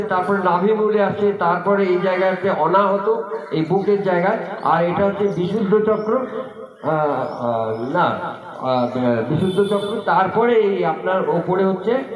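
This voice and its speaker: A man's voice: sits high, dull audio. A man leading an outdoor yoga and meditation camp, guiding a group step by step and mixing in a personal story. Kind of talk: spoken instruction to a group. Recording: echoey, crowd murmur behind.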